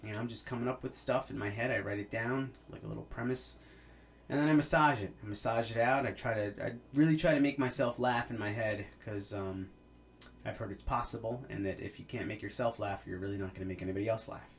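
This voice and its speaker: A man's voice: on the low side, fast talker, slight background noise. A man, hosting a podcast as a casual, rambling monologue full of restarts. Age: 30s. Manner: rambling, with many restarts and fillers. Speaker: podcast host.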